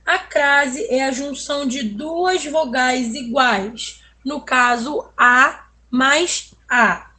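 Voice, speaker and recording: A woman's voice: high voice, very slow, few pauses, pushed and bright. A woman teaching a primary school video lesson. She talks patiently, stretches out example words, and keeps checking in with the children. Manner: ends phrases with "tá?" checking in with pupils.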